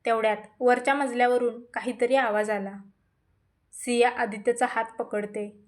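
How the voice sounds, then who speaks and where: A woman narrating a dramatic story in a steady, measured reading voice. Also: fairly high pitch.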